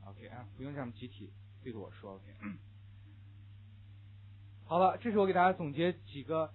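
A slightly higher-pitched man with a husky voice lectures a classroom on pronunciation, leading students through phrases to repeat after him. The recording is thin and phone-like, muffled and lo-fi. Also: very animated, moderate pace. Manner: explains patiently, drills phrases for students to repeat. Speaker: English teacher.

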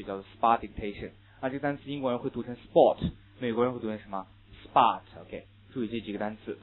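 Chinese guy lecturing on english listening, has the class repeat words after him, sounds tinny like over a phone. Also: medium pitch. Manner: drills pronunciation, asks and answers own questions. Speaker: English teacher.

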